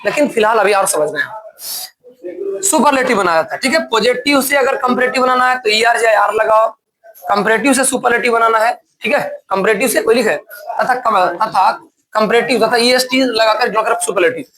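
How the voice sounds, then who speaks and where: A male teacher gives a classroom grammar lesson. He explains slowly, then asks the class questions and answers them himself. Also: very high voice, expressive, fairly bright tone.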